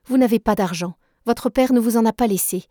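A woman reading aloud and voicing a cruel, spoiled rich boy who bullies his orphaned cousin, in a scornful, shouting tone. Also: fairly high pitch, fairly quick, no echo, studio quality, voice pushed up, natural voice. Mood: scornful tirade.

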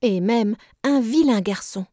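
A woman's voice: a little high, steady tone, moderate pace, dark tone, no echo, clean studio sound, lightly acted. A woman voicing a prim, affected young girl in a storybook reading, reproaching in a raised voice.

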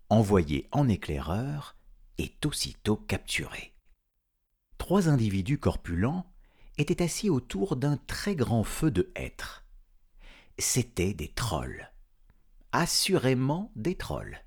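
A man narrating a storybook in a lively, dramatic reading voice. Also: lowish voice, slightly rough.

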